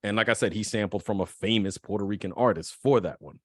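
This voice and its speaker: A man's voice: on the low side, fast, no room sound. A man co-hosting a podcast in casual chat, talking with enthusiasm, full of restarts and questions to his co-hosts. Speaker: podcast co-host. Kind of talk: casual podcast chat about hip hop.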